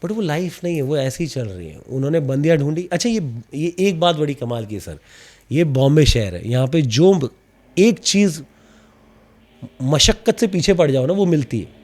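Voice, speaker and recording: Animated man telling stories. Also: fairly high pitch, moderate pace. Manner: animated anecdotes, mixing in English, slight stammer. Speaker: actor, podcast guest. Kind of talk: casual storytelling interview.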